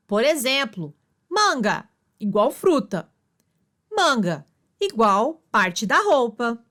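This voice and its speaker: Very slow, lively woman teacher. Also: high voice. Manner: slow and deliberate, spelling out words syllable by syllable. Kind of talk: slow read-aloud grammar lesson.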